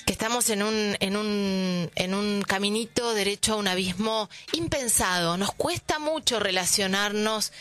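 A woman's voice: medium pitch, measured pace, few pauses, fairly bright tone, faint music behind. A woman with an Argentine Rioplatense accent hosting a conversational radio show, reflective and informal, searching for her words. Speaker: radio host. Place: radio studio.

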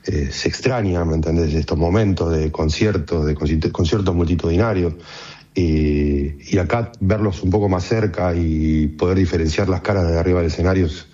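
An Argentine man speaking in a relaxed, conversational way in a radio interview, with frequent fillers. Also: low-pitched, moderate pace, lo-fi sound. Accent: Argentine Spanish.

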